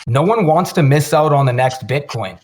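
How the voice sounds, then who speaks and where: A man co-hosting a finance podcast, explaining markets in a measured, lecturing way. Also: fairly high pitch, expressive, a little mellow. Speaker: podcast co-host. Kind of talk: casual chat.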